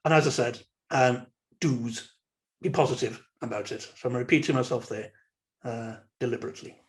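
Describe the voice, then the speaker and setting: A Welsh man from Wales, whose first language is Welsh, delivers an online university lecture in a measured, thoughtful manner. His mid-range voice is often broken by ums and uhs, and it's captured on a computer microphone.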